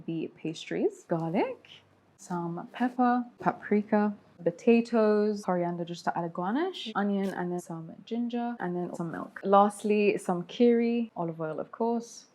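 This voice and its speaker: Young woman, guest cook, casual kitchen chat, laughs often at her own skills, steady mid pitch. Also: unhurried. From grew up between Saudi Arabia and London. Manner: giggly, self-deprecating, explains steps as she cooks.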